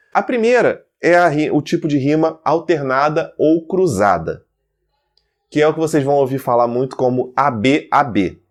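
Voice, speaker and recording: A man with a Brazilian Portuguese accent teaching verse forms to students, working through terms one by one and checking in with "certo?" and "ok?". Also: medium pitch. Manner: lists terms one by one in a steady rhythm.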